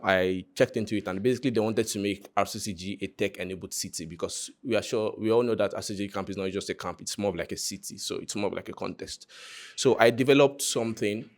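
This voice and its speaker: Nigerian guy pitching his project, kinda low voice, jokey and chatty, talks straight to the listeners. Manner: joking, conversational, addressing listeners directly. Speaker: content creator presenting a hackathon project. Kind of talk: informal live project presentation.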